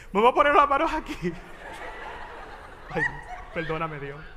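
A man with a Puerto Rican accent, a voice teacher giving a humorous motivational talk to teachers, animated and joking with sudden loud exclamations. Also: sits high, unhurried, noisy background. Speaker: voice teacher and keynote speaker. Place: large venue with a big audience of teachers.

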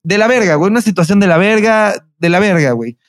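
A man with a Mexican Spanish accent tells his story in a casual, foul-mouthed way, acting out each side of the exchange. His voice sits high for a man. The sound is close and dry, with no room echo. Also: fast talker. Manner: profane, animated retelling with acted-out quotes. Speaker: podcast host.

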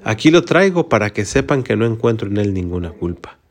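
A man with a lowish voice reading the lines of a stern male Roman governor in a Gospel reading, in a measured, questioning manner. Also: sing-song.

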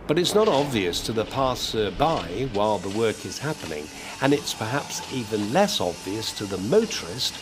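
Background noise accompanies this podcast host and narrator, a man with a medium-pitched voice. He delivers a scripted report from on location in a theatrical style, addressing the listener directly.

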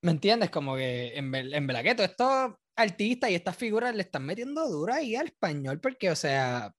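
A man's voice: sits high, very animated, a little fast, fairly bright tone, dry recording, studio quality. A man with a Puerto Rican Spanish accent hosting a casual podcast, reacting loosely and profanely and laughing often. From Puerto Rico. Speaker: podcast host.

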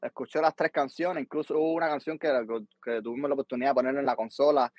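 A man's voice: medium pitch, fast talker, no room sound. A middle-aged Cuban man telling a long story on a podcast, repeating words and acting out what people said to him. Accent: Cuban Spanish. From Cuba. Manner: animated, repeats words, acts out quotes. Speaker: guest musician.

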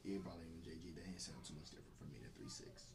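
A man's voice: sits low, wildly swooping pitch, rapid-fire, darkish tone. A man in casual group chat, talking in a loose, rambling way with slang and many restarts.

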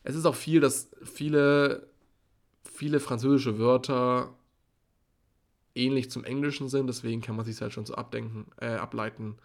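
Teen boy, podcast co-host, casual rambling anecdotes, gravelly. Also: medium pitch, steady tone, moderate pace. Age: teens. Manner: rambling anecdotes with fillers, acts out quotes. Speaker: podcast co-host, school student.

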